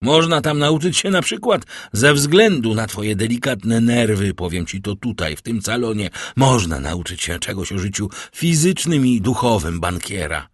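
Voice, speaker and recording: A man's voice: on the low side, animated, normal speed, hardly any pauses, dry recording, studio quality. A man voicing a cold, scheming middle-aged banker who lectures his daughter with sarcastic irony. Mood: stern lecturing. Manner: stern, ironic, lecturing. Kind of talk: audiobook character voicing.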